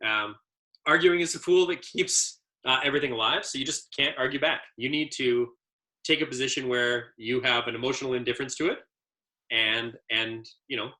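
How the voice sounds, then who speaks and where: Bright-voiced man giving ski training talk. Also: medium pitch, normal speed. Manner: easygoing storyteller with many fillers. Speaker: adaptive ski instructor trainer. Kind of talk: casual training presentation.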